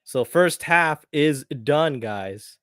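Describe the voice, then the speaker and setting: Man, excitable watchalong host, fairly high voice, dry close mic, drops into when worked up. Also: very slow, dry recording. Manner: excitable, switches into Spanish when emotional. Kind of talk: live match commentary to viewers.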